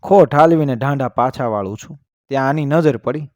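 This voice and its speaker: A man reading the part of a toothless, good-humored old village farmer who tells his own accident in plain rural speech, louder at the dramatic moments. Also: medium pitch, fairly quick, no room sound, studio quality, close to an everyday voice. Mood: recounting.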